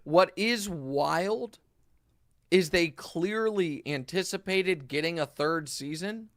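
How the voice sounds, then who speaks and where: A man hosts a sports talk show, full of emphatic restarts and sudden bursts of energy. His voice sits a little high and sounds bright and forceful. The sound is dry and close, with no room echo. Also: takes it slowly. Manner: animated, emphatic, frequent restarts. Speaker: host.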